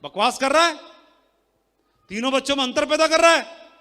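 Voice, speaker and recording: A man giving a motivational sales talk on a handheld mic to a live audience, loud and teasing, quizzing the crowd. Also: very high-pitched, moderate pace, long reverb tail. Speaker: seminar speaker. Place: large hall with an audience.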